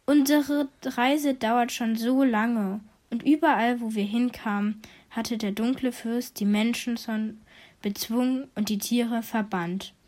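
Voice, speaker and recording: A woman's voice: a little high, steady tone, takes it slowly, darkish tone. Woman voicing three earnest, hopeful foxes. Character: three hopeful fox siblings speaking together.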